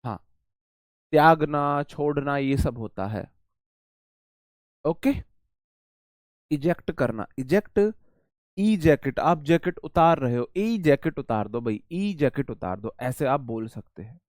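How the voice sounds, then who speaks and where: A man's voice: mid-range voice, expressive, slow, pauses often, dry recording. A man teaching English vocabulary in a live online class, chatty and repeating words while he explains memory tricks and answers the chat.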